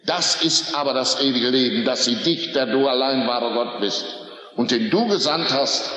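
A man preaching a fervent revival sermon, firing off rhetorical questions and climbing to high emphatic peaks. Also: normal speed, sharp tone. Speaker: pastor. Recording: echoey hall, old recording.

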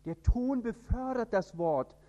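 A man from northern Germany with a standard High German accent, preaching an emphatic sermon. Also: animated, measured pace, muffled recording. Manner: emphatic, with sudden rises in pitch and loudness.

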